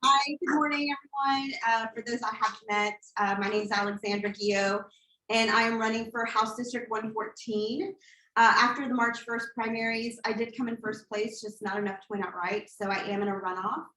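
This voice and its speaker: A Colombian woman in her thirties, running for office, gives an earnest campaign speech at a community meeting in a church hall, using frequent filler words. Her voice is fairly high, steady, brisk, bright and forceful. The hall echoes.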